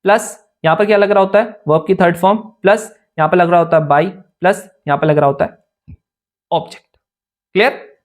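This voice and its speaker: High-voiced chatty male English teacher. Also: normal speed. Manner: chatty, asks students "clear?" often. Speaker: exam-prep English teacher. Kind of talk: informal Hindi-English lesson.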